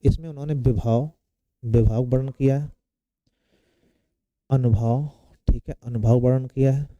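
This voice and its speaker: Man, very dark mellow voice, dry close sound, quizzes then answers himself, exam-prep lesson. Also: medium pitch, fairly even intonation, a little slow, dry recording, dull audio. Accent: Hindi. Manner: asks a question then answers it himself, repeating key words. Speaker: teacher. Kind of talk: exam-prep Hindi lecture.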